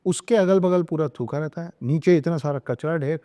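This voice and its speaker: A man's voice: fairly high pitch, moderate pace, mellow. Emphatic man lecturing in a reverberant room. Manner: emphatic, lecturing, repeats phrases and slips into English. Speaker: podcast guest. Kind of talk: earnest podcast talk on spirituality and parenting.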